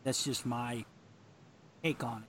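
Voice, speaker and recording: A man's voice: medium pitch, fairly even intonation, slow pace, fairly bright tone, breathy edge. A man casually commenting on a game with a friend, joking and reading bits of dialogue aloud. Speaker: co-host watching a game.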